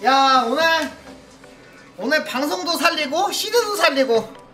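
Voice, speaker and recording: A young adult man streaming live crypto trades, loud and excitable, swearing constantly and pleading with the chart. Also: very high-pitched, a little slow, loud music behind the voice. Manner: coaxes the chart in soft talk. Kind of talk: profane live-stream trading commentary.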